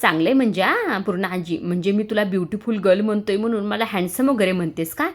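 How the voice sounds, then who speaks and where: A woman's voice: mid-range voice, quick pace, lightly acted. A woman voicing a playful young man making excuses, in a serial recap. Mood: evasive. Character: evasive, playful young husband.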